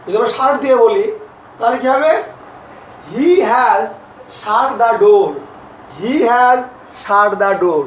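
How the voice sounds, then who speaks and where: A male English teacher, teaching grammar to a class slowly, repeating and spelling out each word. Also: very high voice, a bit bright, slight background noise. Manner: slow, repeats and spells out words. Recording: echoey, distant, dull lo-fi audio.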